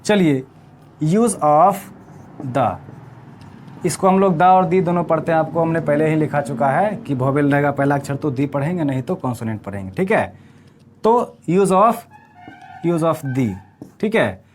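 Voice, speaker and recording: A man's voice: a little high, unhurried, pauses often, slight background noise. A man teaching an English grammar lesson, asking the class questions and checking in with them as he goes. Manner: asks the class questions and answers them himself.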